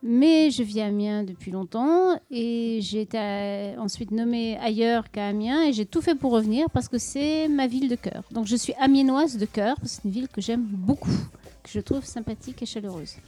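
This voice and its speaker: A middle-aged Parisian woman, a school deputy head, answers interview questions in a measured, explanatory manner, hesitating often. Her voice sits on the high side and sounds mellow.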